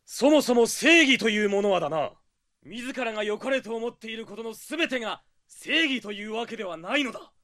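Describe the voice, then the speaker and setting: An actor playing a pompous, earnest older brother who poses as a masked knight of justice, speaking in formal, grandiose phrases in an audio drama. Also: male voice, sits high, animated, brisk, sharp tone, dry recording, studio quality. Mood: preachy, self-assured. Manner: formal, archaic, theatrical and grandiose. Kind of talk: Japanese audio drama acting.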